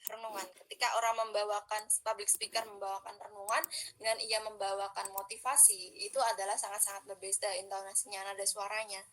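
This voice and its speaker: Young woman, bright and forceful voice, casual public speaking coach, chatty with lots of fillers. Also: mid-range voice, flat delivery, brisk, low-quality recording. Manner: chatty, many fillers, coaching breathing drills. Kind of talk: casual online workshop talk.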